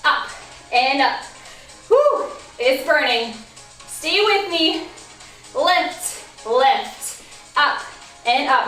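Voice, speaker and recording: High-pitched barre instructor lady counting reps, kinda roomy and far from the mic, music low behind. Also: fairly bright tone. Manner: encouraging counted cues. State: losing her voice. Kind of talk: workout class cueing.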